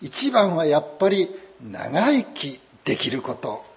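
A short-tempered old husband from a folk tale, played by a male preacher. He grumbles and barks gruffly, and his pitch jumps about a lot. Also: big pitch swings, a little slow. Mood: musing. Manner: gruff, barking when angry. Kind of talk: folk tale told in a sermon.

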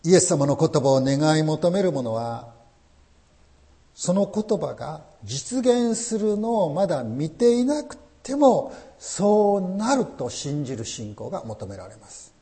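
A male pastor delivers a sermon in a slightly high, warm voice. His pitch climbs and falls dramatically as he stresses points. He often turns to the listeners with rhetorical questions. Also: big pitch swings, measured pace. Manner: emphatic preaching with rhetorical questions.

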